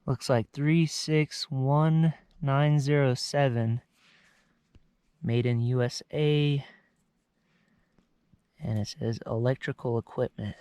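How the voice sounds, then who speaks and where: A young man narrating to his viewers in a casual, chatty way while out on a remote mountain slope. His voice sits at an ordinary middle pitch, and he walks through each thing he finds with easy explanations. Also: steady tone, takes it slowly, pauses often, mellow, clear, resonant tone, no room sound. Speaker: outdoor explorer and vlogger.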